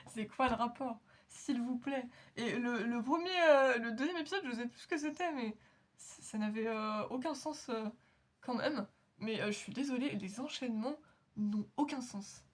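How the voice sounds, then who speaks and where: A woman's voice: fairly high pitch, normal speed. A woman hosting an anime reaction video, chatting casually in a rambling, giggly, self-mocking way. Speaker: anime reaction channel host.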